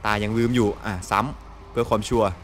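Excitable Thai-accented gamer guy. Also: lowish voice, quick pace, a little hiss or hum. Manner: excitable, laughs often, mild swearing. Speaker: gameplay streamer. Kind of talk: casual let's-play commentary.

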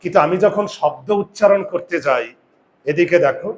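A man teaching a grammar lesson, asking students rhetorical questions and slowly stressing and repeating key words, with confident asides. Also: sits high. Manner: addresses students directly with frequent rhetorical questions. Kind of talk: classroom-style video lesson.

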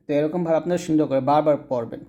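A man leads a Quran reading lesson in a fairly high voice. He says each letter sound slowly and more than once, patiently, so learners can repeat it after him. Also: warm tone, highs cut off. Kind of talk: teaching lesson.

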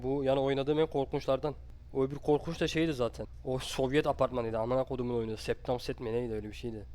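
A young man commenting while he plays a horror game, swearing constantly and jumping to loud outbursts when scared. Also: on the high side. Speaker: gaming streamer.

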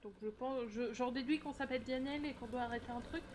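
A woman's voice: a little high, fast, a little hiss or hum. A young woman from France, a gaming streamer chatting casually to her viewers, rambling and playful with lots of fillers. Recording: music playing behind.

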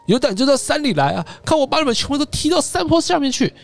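A man's voice: mid-range voice, sing-song, fast, soft background music. A man voicing a bullied country schoolboy who is defiant and hot-tempered, in a podcast story retelling. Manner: shouty, defiant.

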